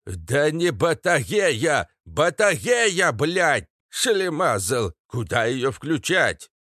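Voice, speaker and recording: Man doing a creaky cranky old healer. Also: lowish voice, animated, normal speed, no room sound, clean studio sound. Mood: furious. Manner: creaking, ominous, bursts into shouting.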